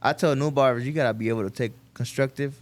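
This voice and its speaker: A man's voice: medium pitch, fast. A man in his late twenties from Mexico, raised in Texas, a barber talking casually in a group and often saying "you know what I'm saying".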